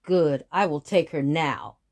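A giant male buffalo speaks slow, firm threats, voiced by a woman reading a storybook. He sounds certain he will get his way. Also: low-pitched, lively intonation, vocal fry, darkish tone, heavily acted. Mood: demanding. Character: huge menacing male bull buffalo.

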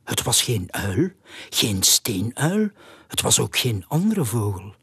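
A breathy storyteller reads a children's storybook at an unhurried pace, with hushed, half-whispered narration. The pitch moves freely as the story goes along, and the close, dry sound has no room echo. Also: big pitch swings. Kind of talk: storybook reading aloud.

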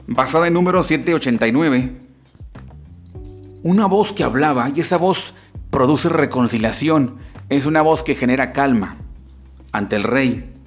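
A man's voice: mid-range voice, a little slow, pauses often, faint music behind. Man lecturing with rhetorical questions. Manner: explanatory, asks frequent rhetorical questions. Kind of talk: religious lecture.

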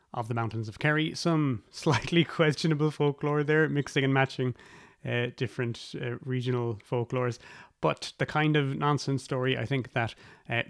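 A man's voice: medium pitch, no echo. An Irish man introduces his podcast in a casual, chatty manner from a cabin in the woods. His delivery is wry and informal, and the sound is very dry, with little room around it. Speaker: podcast host.

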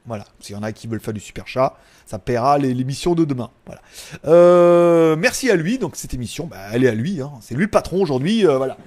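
High-voiced chatty man hosting a live stream. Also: fast talker. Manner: chatty, rambling, excitable. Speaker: live tech show host. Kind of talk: casual live-stream chat.

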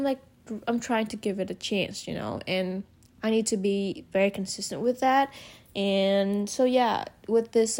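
A woman's voice: medium pitch, a little mellow. A young woman from Vietnam with a Vietnamese accent, hosting her own podcast in a casual, rambling way, full of "like" fillers and restarts. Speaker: podcast host. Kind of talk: casual solo chat.

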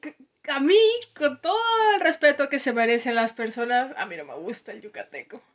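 A woman's voice: on the high side, lively intonation, fairly quick. A young woman with a Mexican accent co-hosting a casual podcast, chatty and laughing often. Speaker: podcast co-host.

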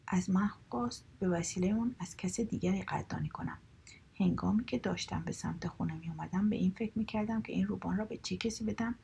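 A woman voicing a middle-aged company boss speaking tenderly to his son, in a husky, gravelly voice. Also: medium pitch, warm tone, full character voice. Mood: heartfelt.

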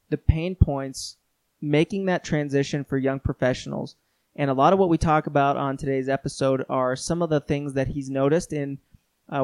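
A man's voice: on the high side, a little mellow, dry recording. A man hosting a podcast, talking earnestly and thoughtfully with a few fillers and restarts. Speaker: podcast host. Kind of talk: conversational podcast intro and interview.

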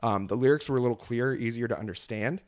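A man co-hosting a podcast in relaxed casual chat, with many ums and fillers. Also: mid-range voice, fast talker. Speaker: podcast co-host.

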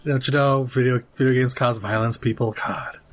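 A man's voice: medium pitch, steady tone, moderate pace. A man co-hosting a podcast in casual chat. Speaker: podcast co-host.

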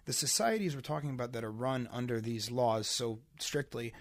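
A man talking casually on a podcast, circling his point with many restarts and fillers. His voice sits at an ordinary pitch. The recording is dry and close, with no room sound. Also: normal speed, dry recording. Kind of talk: casual chat.

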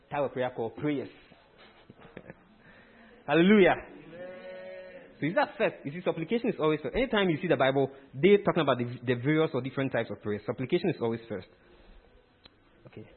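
A man's voice: medium pitch, lively intonation, fast, long pauses. A man preaching a teaching sermon, emphatic and quizzing his listeners with questions. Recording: tinny phone-like sound.

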